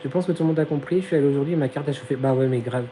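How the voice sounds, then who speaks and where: A man's voice: medium pitch, racing, warm tone, slight background noise, poor audio. A man hosting a live stream, chatting casually with his viewers in a giggly, slangy way while his voice is going. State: losing his voice. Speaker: live-stream host reading chat. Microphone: phone. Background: fan humming behind the phone.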